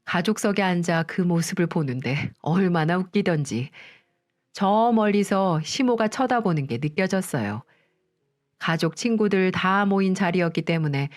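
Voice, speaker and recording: Woman narrating a revenge story. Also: fairly low pitch. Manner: lively first-person telling, vengeful glee.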